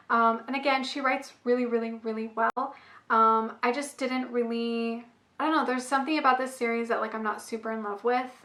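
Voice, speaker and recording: A young woman vlogger casually reviewing books, chatty and full of fillers, her voice going a bit hoarse. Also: on the high side, a bit bright. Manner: chatty, frequent "like" and "I don't know" fillers. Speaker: book vlogger. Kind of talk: casual monthly book review chat. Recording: echoey room.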